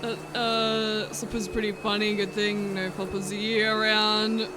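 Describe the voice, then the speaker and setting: Easily amused woman streamer, bright and slow-spoken, casual chat over faint home noise. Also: medium pitch, little pitch movement. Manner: giggly, chatty, easily amused. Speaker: streamer playing a roleplay game. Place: home room with a vacuum running.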